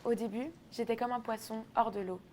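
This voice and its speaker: A woman telling a spoken-word story expressively, loud ambient noise behind. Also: on the high side, fairly even intonation, a little fast. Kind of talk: poetic spoken-word narration.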